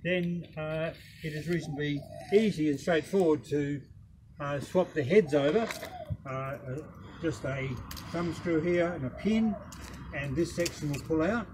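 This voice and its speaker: An older Australian man talks through a garden tool demo in a plain, unhurried way, pausing on ums and uhs. His voice sits a little high for a man. It's recorded outdoors in a front garden on a camera mic, with clear background noise. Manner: plain, unhurried, hesitant with fillers. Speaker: product demonstrator. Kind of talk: casual product demo.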